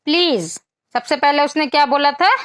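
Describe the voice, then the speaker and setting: A woman teacher tells a children's story as a lesson, asking questions, answering them herself and explaining English phrases in Hindi. She reads the English lines very slowly and deliberately. Her high, fairly bright voice is recorded dry, at studio quality.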